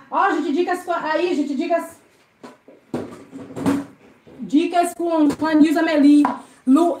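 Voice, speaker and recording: A woman from Brazil hosting a casual live stream from home, chatting with viewers and greeting them by name while she cleans. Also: high voice. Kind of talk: casual live-stream chat reading comments. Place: home service area. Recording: echoey room with faint noise.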